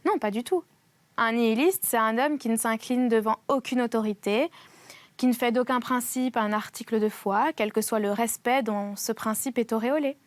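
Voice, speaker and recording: A woman reading the part of an earnest, self-assured young man in a storybook reading, explaining calmly. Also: fairly high pitch, normal speed, dry recording, lightly acted.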